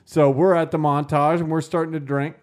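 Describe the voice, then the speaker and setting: A man telling a story on a casual podcast, animated and full of swearing. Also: a little high, a little fast. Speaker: podcast co-host. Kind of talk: casual chat.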